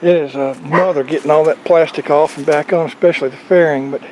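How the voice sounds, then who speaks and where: A man's voice: fairly high pitch, steady tone, fairly quick, background noise. A man giving a casual, rambling video update on his motorcycle project, talking in a folksy, plain-spoken way outdoors. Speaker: motorcycle vlogger. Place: outdoors on a farm.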